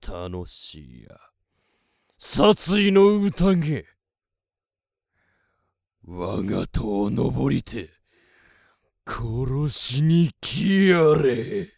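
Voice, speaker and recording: A man's voice: very animated, drawn-out words, creaky, long pauses, a little mellow, no room sound, clean studio sound, full character voice. A man voicing a defiant male wizard who revels in a hopeless battle, speaking in a grandiose, archaic way. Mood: taunting. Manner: grandiose archaic speech, booming declarations. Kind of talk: dramatic storytelling.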